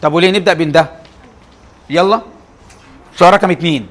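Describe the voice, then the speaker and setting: A young man with an Egyptian Arabic accent, teaching an English grammar class. He keeps firing quick questions at his students and answering them himself. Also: a little high, a bit bright.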